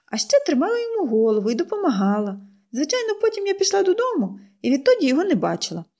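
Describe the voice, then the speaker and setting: A woman's voice: sits high, huge pitch swings, very fast, dark tone, pitched above the performer's own voice, exaggerated voice. A woman reading an audiobook, voicing an eager, pleading young girl. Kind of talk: audiobook character voice.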